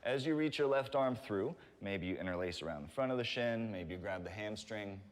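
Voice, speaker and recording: Male fitness instructor, lower register, calm and encouraging cueing, recorded in a very reverberant room. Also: brisk, a crowd in the background. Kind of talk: guided workout instruction. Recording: reverberant room with long echo.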